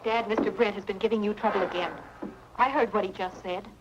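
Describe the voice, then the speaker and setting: An actress playing a banker's young daughter, sharp and wary with intruders. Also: female voice, mid-range voice, steady tone, a little fast, background noise, natural voice. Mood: indignant. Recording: dull old TV soundtrack with music.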